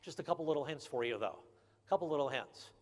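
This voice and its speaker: A man's voice: a little high, expressive, quick pace. An older man giving a humorous graduation speech, folksy and emphatic, often repeating key phrases. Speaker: graduation speaker. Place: large ceremony hall. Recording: long hall reverb.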